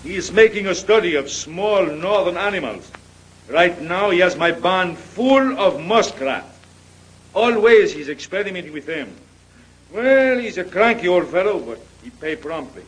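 An actor playing an excitable French innkeeper in an old-time radio drama, speaking broken English with a French accent and a fussy manner. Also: male voice, high voice, a little slow, poor audio. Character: excitable French innkeeper, middle-aged man.

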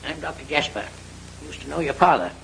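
An actor playing a gruff, dismissive old doctor in an old-time radio drama. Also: male voice, fairly high pitch, expressive, fairly quick, a bit bright, a little hiss or hum, rough recording. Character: cranky old male doctor.

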